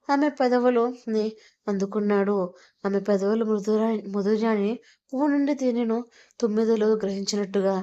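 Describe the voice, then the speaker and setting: A woman's voice: medium pitch, dark tone, highs cut off. Woman narrating a romance audio story.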